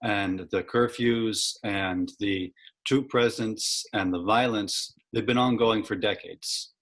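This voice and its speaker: A man hosting an interview, asking measured questions and rephrasing them carefully as he goes. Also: lowish voice, fairly bright tone.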